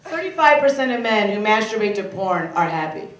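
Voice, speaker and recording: A young woman from Michigan performing a stand-up comedy set in a club, playful and animated, slipping into voices of other people. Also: medium pitch, a little fast. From Michigan, USA. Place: comedy club stage before a laughing audience. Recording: roomy, distant club recording with noise.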